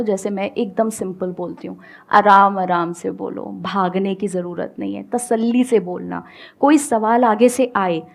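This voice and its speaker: A woman giving a motivational stage talk and answering audience questions, calm and reassuring as she mixes Hindi and English. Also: mid-range voice, vocal fry. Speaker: speaker and communication coach.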